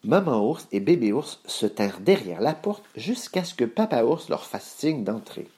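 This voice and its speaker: A man reading a children's story aloud in a measured, expressive way. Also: mid-range voice.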